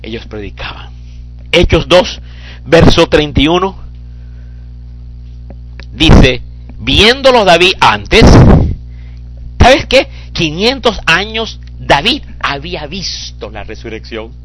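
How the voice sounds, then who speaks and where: A man preaching a fiery sermon, swinging from hushed, almost whispered lines to tearful shouts. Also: on the high side, big pitch swings, slow pace, long pauses, noisy background.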